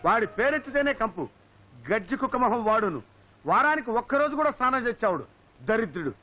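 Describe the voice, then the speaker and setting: A man's voice: extremely high pitch, very animated, brisk, pushed and bright, heavily acted. An actor playing a cheeky comic male servant who mocks his master. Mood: mocking. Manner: mocking, playful, theatrical. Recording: dull film audio with music.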